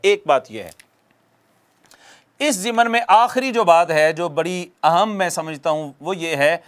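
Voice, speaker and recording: A man with a fairly high voice teaches a recitation lesson for television. He talks patiently and repeats himself, asks the viewer questions and answers them. When he demonstrates a sound, he slows right down. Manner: patient, repeats key points and quizzes the viewer.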